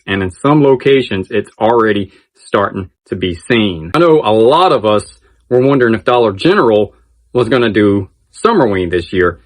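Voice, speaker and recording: A man hosting a casual update video, chatty and enthusiastic, repeating phrases for emphasis. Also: fairly low pitch. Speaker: video channel host. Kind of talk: casual news-update commentary.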